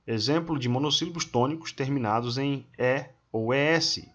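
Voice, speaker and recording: A man teaching a grammar lesson, slowly reading long lists of example words one at a time. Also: mid-range voice, dull audio. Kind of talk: slow instructional reading of word lists.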